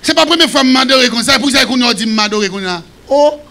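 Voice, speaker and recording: A man with a Haitian accent preaching a sermon as pastor, shouting and singing some phrases. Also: very high voice, expressive, quick pace. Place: church.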